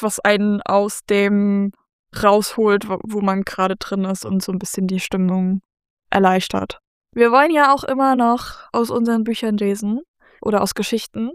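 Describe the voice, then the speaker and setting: A woman's voice: medium pitch, fairly even intonation, moderate pace, clean tone, no echo, clean studio sound. A woman co-hosting a podcast, chatting playfully and teasing, with hesitant restarts. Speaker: podcast co-host. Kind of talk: casual chat.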